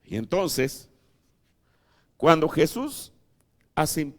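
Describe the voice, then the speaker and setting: A male preacher giving a sermon in a church, dramatic, dropping to hushed asides and rising to shouts. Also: a little high, big pitch swings, extremely slow. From Mexico. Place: church tabernacle.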